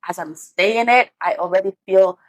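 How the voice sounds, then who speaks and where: Speaking at a moderate pace in a mid-range voice, this Sierra Leonean woman hosts a podcast from a studio in Edmonton, Canada. She keeps the interview casual and expressive, laughing often, and there's no echo on the audio.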